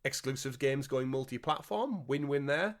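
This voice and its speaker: A man hosting a gaming podcast with energetic, jokey patter, a bit congested from a cold. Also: medium pitch, normal speed. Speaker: podcast host. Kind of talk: upbeat podcast presenting.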